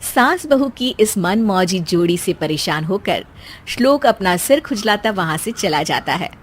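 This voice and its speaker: A woman's voice: medium pitch, very animated, a little slow. Lady narrator telling a scripted story, storytelling style.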